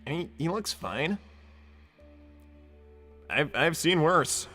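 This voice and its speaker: A man voicing a cocky, easygoing young hedgehog hero in a casual, brash, halting way, improvising in character on a livestream. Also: on the high side, big pitch swings, pushed and bright, soft background music, exaggerated voice. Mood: casual, decisive.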